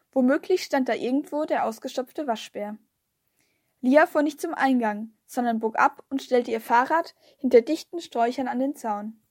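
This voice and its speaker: A woman reading a children's novel aloud in a steady, expressive way. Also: high-pitched. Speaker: audiobook reader. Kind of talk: scripted narration.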